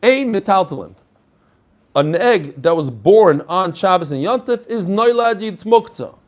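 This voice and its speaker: A man's voice: high-pitched, lively intonation, measured pace. Guy, rabbi explaining a text casually, lots of rhetorical questions. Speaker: rabbi teaching a daily Talmud class. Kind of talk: informal religious lesson, explaining a text aloud.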